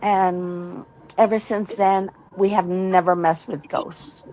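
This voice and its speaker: A woman's voice: mid-range voice, fairly even intonation, slow, a little mellow, slight background noise, low-quality recording. A woman telling a personal ghost story in an earnest, casual way, repeating words when she gets tense.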